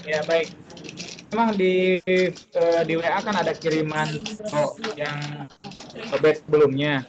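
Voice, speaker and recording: A man asking halting questions in an online class, his video call audio choppy and breaking up. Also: a little high, fairly even intonation, highs cut off, crowd noise. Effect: choppy video call audio that keeps breaking up.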